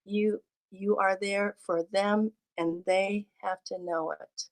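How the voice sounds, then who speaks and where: A woman's voice: medium pitch, takes it slowly, rough recording. A woman who teaches second grade, telling personal classroom stories in a livestreamed talk and acting out her exchanges with students. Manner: acts out classroom scenes with her students, lively and animated.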